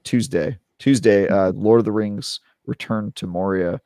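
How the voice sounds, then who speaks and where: A young adult man chats on a gaming podcast in a low voice, and the close mic gives it a dry, intimate sound. He rambles happily, doubling back on his words and leaning on fillers as he works up to the good parts. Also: unhurried, no echo. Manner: rambling, filler-heavy, animated retelling. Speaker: podcast co-host, game reviewer. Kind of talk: casual podcast chat.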